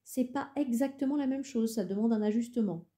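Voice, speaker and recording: A cheerful, accommodating woman in her late twenties with a sense of humor, as a reader voices her. The tone is very dark and mellow, in an audiobook. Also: on the high side, fairly quick, natural voice.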